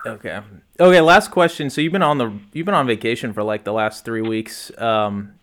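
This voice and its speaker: A man hosting a podcast, chatty and animated. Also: medium pitch, moderate pace. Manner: animated, chatty, laughs easily. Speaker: podcast host. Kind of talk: casual podcast chat.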